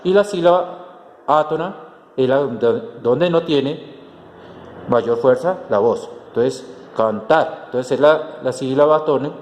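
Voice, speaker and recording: Teacher in a roomy, echoing space. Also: male voice, mid-range voice, slow pace, a little mellow. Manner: explains step by step with many fillers and restarts. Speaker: Spanish teacher. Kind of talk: recorded class tutorial. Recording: roomy echo with long reverb and faint background noise.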